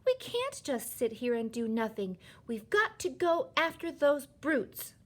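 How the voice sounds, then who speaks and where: This is a woman performing a determined young girl in a children's storybook. The pitch sits high and leaps about in a very animated way. She is feisty and indignant, and speaks in emphatic, impassioned exclamations. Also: a little slow, slightly rough, full character voice. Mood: desperate, pleading. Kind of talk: children's storybook character reading.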